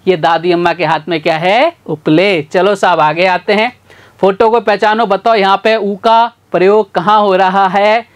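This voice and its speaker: A man teaching a literacy lesson in a folksy, repetitive call-and-response way. He sounds out syllables slowly and calls his learners brother and sir. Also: sits high, steady tone. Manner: slow, sounds out syllables one by one.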